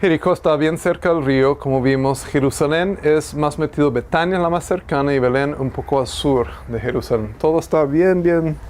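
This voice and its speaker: A man's voice: on the high side, brisk, hardly any pauses, darkish tone, a little hiss or hum. A man teaching a classroom Bible lesson, thinking aloud, correcting himself and asking the class questions.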